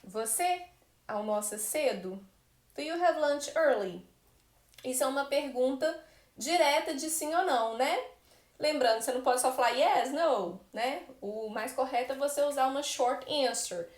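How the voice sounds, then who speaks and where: Brazilian woman teacher, bright-pitched voice, echoey classroom sound, patient explainer. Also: animated, normal speed. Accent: Brazilian Portuguese. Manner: explains patiently with frequent "né?" and "tá bom?" check-ins. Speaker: English teacher. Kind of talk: classroom-style grammar lesson. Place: room where she writes on a board.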